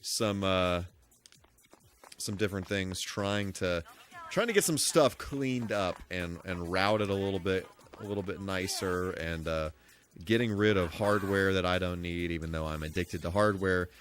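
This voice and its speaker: Music sits behind this low, fairly bright voice as a man streams a game live. Speaking a little slowly, he offers casual commentary, wandering from thought to thought out loud.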